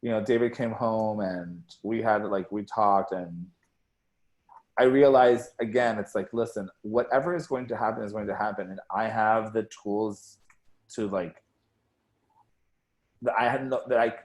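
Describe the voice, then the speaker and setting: A young man on a podcast mic, talking casually in a lowish voice. He rambles, stacks up "like" fillers and swears freely as he tells the story. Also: steady tone, measured pace, a little mellow. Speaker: podcast co-host.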